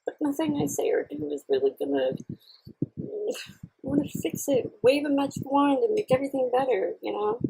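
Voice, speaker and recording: A woman chatting candidly and casually to camera in a halting, reflective way, chewing while she talks. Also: high voice, creaky, dark tone, poor audio. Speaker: vlogger. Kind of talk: casual personal chat to camera while eating.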